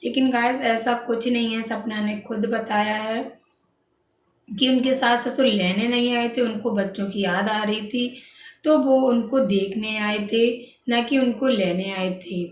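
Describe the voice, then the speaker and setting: A woman's voice: fairly high pitch, steady tone, a little slow. A woman vlogger narrating family gossip in a casual, chatty way to her viewers, often saying "guys" and restarting her sentences. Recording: echoey room, distant mic, faint background noise.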